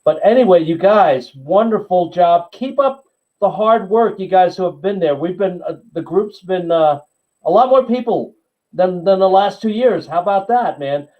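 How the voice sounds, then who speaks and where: A man hosts a casual live show for a running club, speaking in a slightly raised voice. He rambles warmly encouraging, full of fillers and restarts. The sound is dull and lo-fi, like a livestream. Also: high voice, animated, normal speed. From USA.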